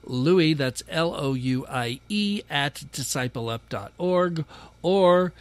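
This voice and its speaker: A man's voice: on the high side, lively intonation, slow pace, dry recording. A man hosting a podcast in a casual monologue, chatty and self-deprecating with a dry, sarcastic humor. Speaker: podcast host.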